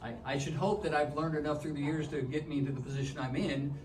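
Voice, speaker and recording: A middle-aged male supervisor talks quickly and politely to visitors, explaining things patiently. His voice comes through a glass partition, so it sounds distant and boomy. The room echoes, and steady background noise sits under his words. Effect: heard through a glass partition. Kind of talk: casual conversation at a service counter.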